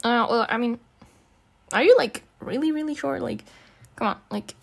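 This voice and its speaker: A young adult woman who doesn't speak English natively performs a casual, intimate girlfriend ASMR roleplay. Her voice is a little high and creaky at a moderate pace, and she talks in a slangy, teasing, coaxing way, giggling along.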